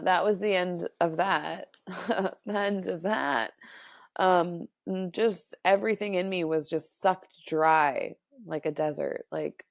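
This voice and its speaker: A woman hosting a podcast, telling a story in a casual, sarcastic, animated way with lots of fillers. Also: lowish voice, vocal fry, dry recording, clean studio sound. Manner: sarcastic, animated retelling with mock voices; frequent fillers and laughs. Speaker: podcast host.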